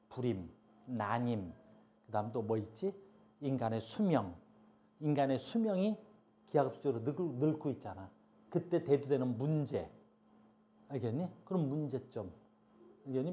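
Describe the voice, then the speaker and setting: A middle-aged man teaching a class, his pitch climbing and falling with every point. His voice is mellow and a little dark, carried on a dull, lo-fi classroom recording. He keeps checking whether the students follow him. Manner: keeps asking "알겠니?" to check understanding; lively, chatty, scolds students in passing. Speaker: high school biology teacher. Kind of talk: classroom lecture.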